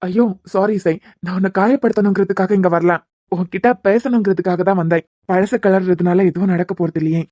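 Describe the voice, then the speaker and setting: A woman's voice: on the low side, steady tone, fairly quick, warm tone, no room sound, lightly acted. Woman voicing an earnest lovelorn young man. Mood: heartfelt. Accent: Kanyakumari Tamil. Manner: earnest, apologetic, speechifying. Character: earnest young man pleading with his love. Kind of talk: cartoon serial voice acting.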